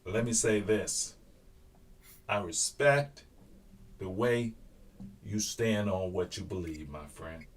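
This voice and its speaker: A man's voice: deep voice, takes it slowly, long pauses. A man hosting a casual live interview, easygoing and affirming. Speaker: host. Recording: distant mic with faint noise.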